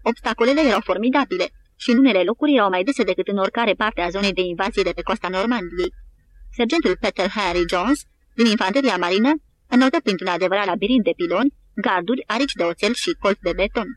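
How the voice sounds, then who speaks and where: A woman narrating an audiobook in a steady, even reading style. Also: medium pitch. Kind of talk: scripted narration.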